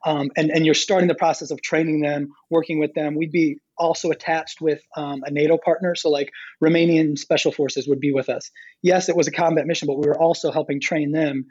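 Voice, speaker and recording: A man's voice: fairly high pitch, level tone, fairly quick, a little mellow, breathy edge, dry recording, dull audio. A middle-aged American man answering in an interview, telling stories informally and acting out bits of dialogue. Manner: informal, anecdotal, quotes dialogue. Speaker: guest, pastor. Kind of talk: conversational interview answers, storytelling.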